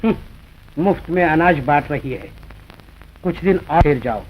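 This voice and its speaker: A gloating greedy moneylender. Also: male voice, fairly high pitch, lively intonation, unhurried. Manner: boastful, mocking. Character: gloating greedy middle-aged male moneylender. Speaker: greedy landowner. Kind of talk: 1940s film acting. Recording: dull old film soundtrack with hiss.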